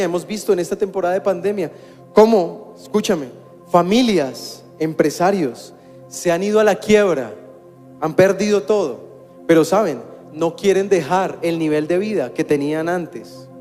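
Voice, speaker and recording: A high-pitched man preaching a sermon, mixing plain talk with dry jokes at his own expense. His voice carries a long hall echo, and soft music plays faintly behind him. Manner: conversational preaching with wry humor. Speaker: pastor.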